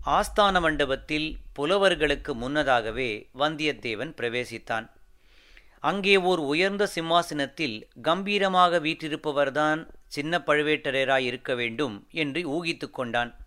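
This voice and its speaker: A male narrator reading a historical novel aloud, measured and formal. His voice is bright and crisp, and a little higher than most men's.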